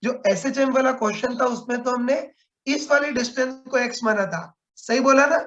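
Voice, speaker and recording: A man's voice: very high voice, fairly quick, a bit bright. Man, physics teacher, online class, step-by-step explanations, frequent check-ins, muffled call audio. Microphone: video call.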